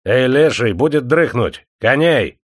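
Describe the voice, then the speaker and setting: Man playing a gruff tax inspector, bossy, barking, mocking, loud, dry audiobook sound. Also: lowish voice, moderate pace, dry recording, natural voice.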